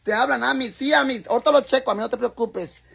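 A man's voice: very high-pitched, quick pace, gravelly, bright, forceful tone, breathy edge. A man with a Mexican accent, chatting casually and rowdily on a cooking live stream, swearing freely and calling his viewers sisters. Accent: Mexican Spanish. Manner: rowdy, swears freely, calls viewers "hermanas".

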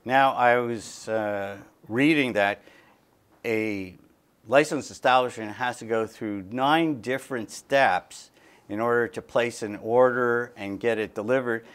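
A man's voice: medium pitch, measured pace, fairly bright tone, smooth. Middle-aged male TV interview host. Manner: gestures with both hands, long detailed questions. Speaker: talk show host. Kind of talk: studio interview. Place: small TV studio with dark curtains. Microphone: lapel mic.

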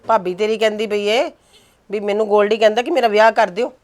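An actress playing a sharp-tongued middle-aged mother in a family web drama, scolding and mocking her grown son with theatrical exclamations. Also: mid-range voice, steady tone, quick pace, lightly acted.

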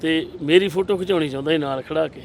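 A man's voice: on the high side, fast, gravelly, a little mellow, slight background noise. A man, a political candidate giving impassioned, rhetorical interview answers and retelling scenes with quoted dialogue.

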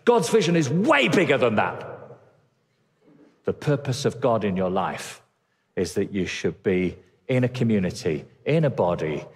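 An older man preaching an earnest sermon from a church stage, speaking into a headset mic. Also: mid-range voice. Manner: expansive gestures, earnest. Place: church stage with drum kit. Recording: reverberant church hall.

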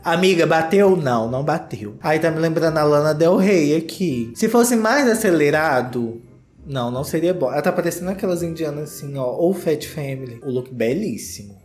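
A man's voice: on the high side, expressive, normal speed, a little mellow, echoey room, soft background music. A man with a Brazilian Portuguese accent giving campy, theatrical comedic commentary on fashion runway walks, breaking into shrieks and exclamations. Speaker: YouTuber host.

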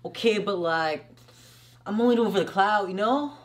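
A man's voice: high voice, normal speed, heavy background noise, close to an everyday voice. Young man as a boastful, dim warrior hero. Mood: casual bragging. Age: young adult. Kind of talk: amateur comedy sketch acting.

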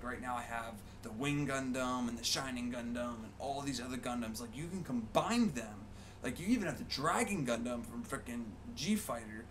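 A man in his twenties giving an informal, rambling, sweary video-blog talk in a room at home. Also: mid-range voice. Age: 20s. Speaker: gaming video creator. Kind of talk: casual rambling vlog. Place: home bedroom, indoors. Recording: clear background noise.

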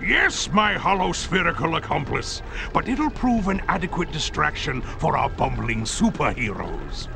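Pompous cartoon supervillain, high gravelly voice, very grand. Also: male voice, big pitch swings, unhurried, music in the background, exaggerated voice. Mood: scheming. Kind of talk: cartoon game voice acting.

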